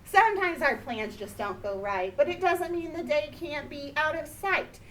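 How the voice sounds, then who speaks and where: She's a storybook reader with a high, animated, somewhat bright voice, going through a children's picture book at a moderate pace. Expressively, she lingers on key words for emphasis, recorded from a distance with faint background noise.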